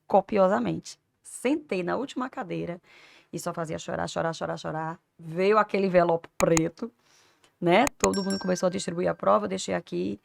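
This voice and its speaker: A woman in her fifties, a teacher and doctor, tells an emotional personal story as an interview guest, swinging between hushed and loud. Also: lowish voice, normal speed, vocal fry. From Brazil. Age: 50s.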